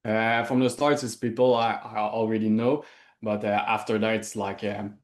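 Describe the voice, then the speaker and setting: In a relaxed interview, this Quebec man, whose first language is French, responds in English with a Quebec French accent and frequent pauses as he hunts for the right words. His voice is fairly low with little pitch movement.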